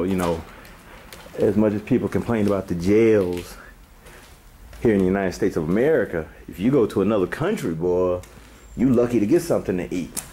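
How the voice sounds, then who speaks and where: Urban explorer, male, very deep voice, relaxed street-talk narration. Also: reverberant, slight background noise. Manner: laid-back, streetwise, swears casually. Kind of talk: casual walk-through narration. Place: indoors in an abandoned police station.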